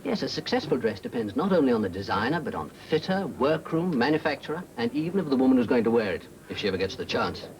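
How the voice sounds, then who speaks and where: A man's voice: medium pitch, sing-song, quick pace, few pauses, lightly acted. An actor playing a cynical man in the dress trade in a 1950s film, dry and lecturing. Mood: dry, teasing. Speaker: fashion business man. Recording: old film soundtrack with background noise.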